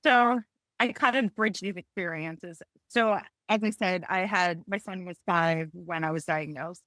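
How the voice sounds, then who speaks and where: A woman in her forties speaks in a somewhat low voice, close to tears and audibly struggling to keep going. She talks haltingly, restarting her sentences and apologizing. The sound is close and dry. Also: a bit bright, no echo. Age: 40s. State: tearful, close to crying. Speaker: panelist. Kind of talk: emotional personal testimony on a panel.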